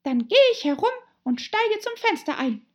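Woman doing a squeaky, bossy storybook rabbit, lively and shrill. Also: moderate pace. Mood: commanding. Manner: shrill, scolding, shouting commands. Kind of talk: audiobook character voice.

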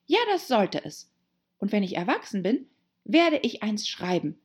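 Woman doing a high, girlish, anxious storybook heroine, breathy and animated. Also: a little slow. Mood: musing. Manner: anxious, stammering self-talk. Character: girl Alice, worried and chattering to herself. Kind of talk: audiobook character voice.

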